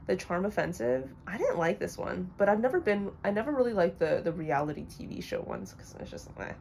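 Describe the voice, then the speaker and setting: A woman's voice: medium pitch, lively intonation, brisk, gravelly, a little mellow, a little hiss or hum. A young woman casually rambling through blunt opinions on books she has read, with lots of fillers. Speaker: book vlogger. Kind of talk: casual chat.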